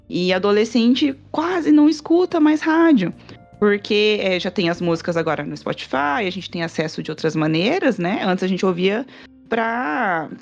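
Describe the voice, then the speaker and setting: A woman, a psychologist guest on a podcast, telling stories in an animated way, acting out quoted dialogue and laughing easily. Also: mid-range voice, highs cut off. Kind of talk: casual podcast conversation.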